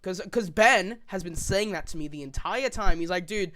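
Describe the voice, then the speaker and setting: A man's voice: high voice, lively intonation, normal speed, fairly bright tone. A young man hosting a casual podcast, rambling and restarting his sentences while he plays a game. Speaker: podcast host. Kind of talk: casual chat. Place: home, gaming while talking.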